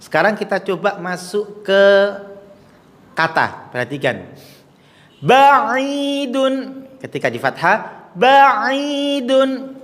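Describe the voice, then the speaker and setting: A high-voiced man teaches children Quran recitation at an unhurried pace. He demonstrates each letter sound and has them repeat drills. His voice rings out with a long, hall-like reverb. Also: expressive, fairly bright tone.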